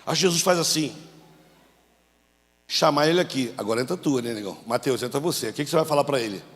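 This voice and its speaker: A man, a pastor coaching volunteers through a Bible scene in a sermon, joking and shouting cues. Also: medium pitch, animated, rapid-fire, long reverb tail.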